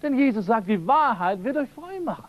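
High-voiced preacher on old tape. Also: male voice, sing-song, brisk, dull audio. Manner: emphatic, repeats key phrases, addresses listeners directly. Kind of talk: sermon. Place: church seminar hall. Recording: old radio-quality seminar tape.

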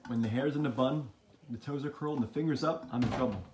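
A man giving joking, casual commentary while he livestreams his home on a phone, teasing the people around him and talking softly to his cats. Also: mid-range voice, quick pace, echoey room, background noise. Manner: joking, teasing, with frequent laughs; soft, cooing talk to pets. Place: home kitchen, then garage.

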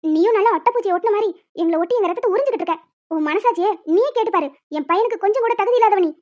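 A woman voicing a harsh older mother-in-law in a cartoon, shrill and cutting as she scolds and insults. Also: racing, darkish tone, muffled recording. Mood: scolding.

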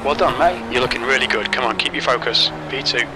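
A man's voice: medium pitch, quick pace. Man giving terse pit radio calls. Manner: clipped, matter-of-fact callouts. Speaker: race engineer voice in a racing sim. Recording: loud race car engine over the voice. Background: roaring engine and tire noise.

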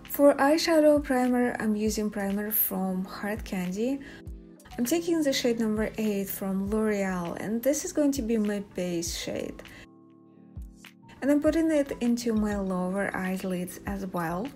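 This young adult beauty vlogger, a native Russian speaker with a Russian accent, is showing viewers a makeup tutorial. Her mid-range voice sounds animated yet mellow, moving at a measured pace, and music plays behind her.

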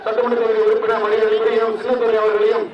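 High-pitched man booming over a loudspeaker. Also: racing, dull audio, background noise. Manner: excited cheering mixed with formal honorific announcements. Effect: loudspeaker public address. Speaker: event announcer. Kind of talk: live event announcing over a loudspeaker. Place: outdoor arena with crowd. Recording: echoey loudspeaker heard from far off in a crowd.

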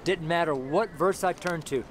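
Standing on a city sidewalk by a brick wall, a middle-aged street preacher speaks at a moderate pace in a voice on the high side, his informal sermon rambling and repetitive with frequent fillers and restarts. A handheld camera records him close up amid noisy street traffic.

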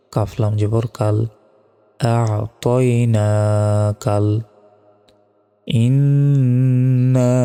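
A Quran recitation teacher from Bangladesh gives a lesson, spelling out each letter and vowel before chanting the words in long, drawn-out tones. His voice is lowish, gravelly, and dark, with the sound of a big room.

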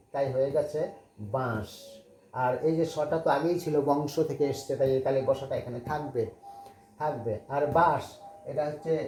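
A man with a mellow voice on the high side teaches a classroom lesson on Bangla spelling. He patiently repeats words and spells them out letter by letter, in an echoey room with faint background noise.

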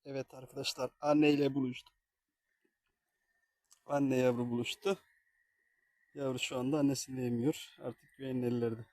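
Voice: mid-range voice, little pitch movement, moderate pace, long pauses, a little mellow, no echo. Coaxing rescuer outdoors on coastal rocks. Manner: coaxing and teasing, talks to the goat kid and to viewers. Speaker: rescue team member. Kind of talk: casual vlog narration during an animal rescue.

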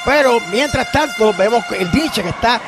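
A man with a Puerto Rican accent giving partisan wrestling commentary, emphatic, with drawn-out, repeated exclamations. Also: very high voice, lively intonation, music in the background. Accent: Puerto Rican Spanish. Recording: noisy arena with crowd behind. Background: crowd noise.

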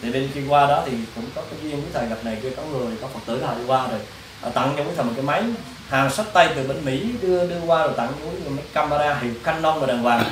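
A man's voice: mid-range voice, rapid-fire. A man, a Buddhist monk, giving a casual, rambling dharma lecture to monastic students, often asking them questions. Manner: rambling, repetitive, addresses listeners directly with questions. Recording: roomy, distant mic, faint background hiss.

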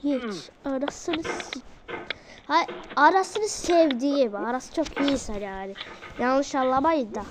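A woman doing frustrated gaming commentary, swearing constantly and yelling in rage. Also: high-pitched, unhurried. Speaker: gamer. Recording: noisy home recording.

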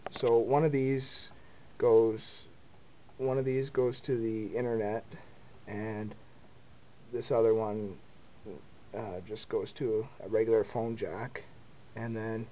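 A hobbyist films a casual walkthrough of his home phone wiring in an indoor basement, speaking slowly in a medium-pitched voice with many ums and uhs, plain and easygoing. He's off screen behind a handheld camera whose mic gives dull, lo-fi audio with faint hiss.

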